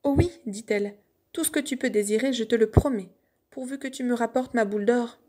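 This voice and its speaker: Woman doing a spoiled little princess from a storybook, a bit louder and higher than the narrator. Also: brisk, lightly acted. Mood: anxious. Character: spoiled young princess, king's youngest daughter.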